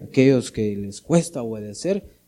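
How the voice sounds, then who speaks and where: A man with a mellow, medium-pitched voice preaches a sermon at a moderate, animated pace. He speaks straight to his listeners, repeatedly asking them to agree and calling them brother.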